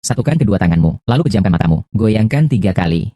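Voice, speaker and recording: A man with a low, mellow voice rattles through dubbed drama dialogue at a fast clip. He keeps one steady tone for every character. The sound is dry and close. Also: no room sound. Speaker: voice-over reader of a dubbed drama. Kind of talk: fast scripted dialogue dub read in one voice.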